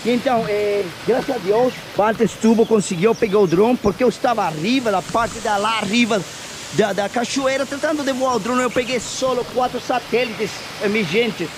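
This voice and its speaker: A high-voiced vlogger and drone pilot talks excitedly beside a waterfall while flying his drone, chatting casually outdoors. He mixes English, Portuguese and Spanish, and loud hiss and rushing water are heard behind him.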